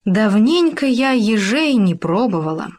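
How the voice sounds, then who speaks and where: A woman voicing a sly female fox in a storybook, sugary and sharp-tongued. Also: mid-range voice, unhurried, close to an everyday voice. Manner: sugary, snapping.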